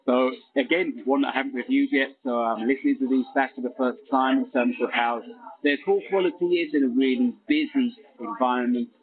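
A man's voice: medium pitch, fairly quick. Man through a tinny bluetooth earbud mic. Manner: chatty, thinking aloud, with small laughs. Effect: heard through a bluetooth earbud mic on a call. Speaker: tech reviewer. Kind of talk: casual product review talk. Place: busy coffee shop, indoors.

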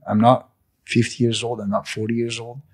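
Here a man in his sixties, a cafe owner and non-native English speaker, is interviewed in a living room, speaking into a fluffy handheld mic. His mid-range voice has a breathy edge and a level tone at a moderate pace, though his impassioned monologue is preachy and emphatic, with hand gestures.

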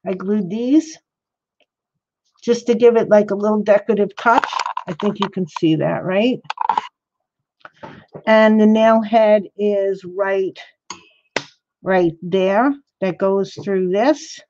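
A woman's voice: mid-range voice, slow pace, long pauses, a little mellow. A woman chatting casually to her livestream viewers while she works on a craft project, rambling and answering chat by name. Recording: slightly dull lo-fi stream audio.

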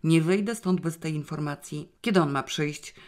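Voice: medium pitch, normal speed, natural voice. A reader voicing a young noblewoman who turns icy and furious in an audiobook. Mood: stern. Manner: sharp, commanding. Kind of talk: audiobook reading.

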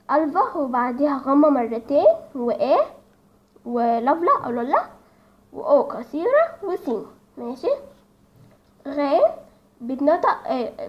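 High-pitched woman, Egyptian accent, informal teaching, hesitant with fillers, dull lo-fi recording. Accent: Egyptian Arabic. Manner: hesitant, with many fillers, addresses viewers as friends. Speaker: church lesson presenter.

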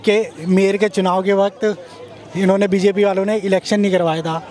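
A young man giving measured, earnest opinions in a street interview, speaking into a handheld mic outdoors on a busy plaza. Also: sits high, little pitch movement, a little mellow. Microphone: handheld mic held by interviewer.

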